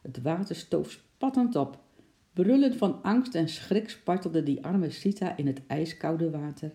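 Dark-voiced woman reading a storybook. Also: low-pitched, a little slow. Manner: expressive, dramatic narration. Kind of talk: children's storybook read-aloud.

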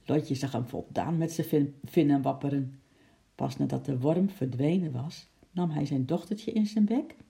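A storyteller reading a children's story aloud in a lively, expressive way, with sound effects. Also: medium pitch, vocal fry.

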